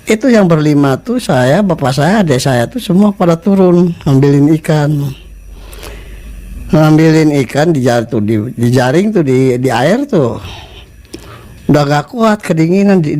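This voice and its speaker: A man telling a true-life ghost story in casual, rambling speech, repeating words. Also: medium pitch. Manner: rambling, repeats words, acts out shouted quotes.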